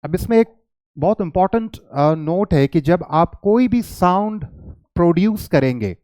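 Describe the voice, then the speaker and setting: A patient, slightly high-voiced male teacher. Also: lively intonation, a little slow, warm tone, no room sound. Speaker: English pronunciation teacher. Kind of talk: spoken lesson mixing Hindi and English.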